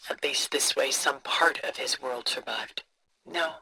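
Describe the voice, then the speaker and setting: An actress playing a cultured, composed older woman who collects art, with a refined, measured, contemplative delivery for a video game. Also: extremely low pitch, heavily acted, poor audio. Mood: reflective, admiring. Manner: refined, measured, contemplative, soft breathy phrase endings. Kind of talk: video game character dialogue, museum-guide storytelling.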